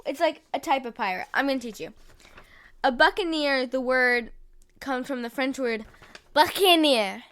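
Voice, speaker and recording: A woman's voice: high-pitched, moderate pace, fairly bright tone. A woman co-hosting a podcast in casual chat, playful and teasing, often giggling. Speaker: podcast co-host.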